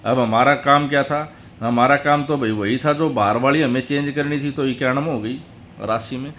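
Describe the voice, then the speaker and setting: A man hosting a tutorial video, chattily calling viewers brother and friends as he steps slowly through number patterns. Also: medium pitch, fairly bright tone, slight background noise.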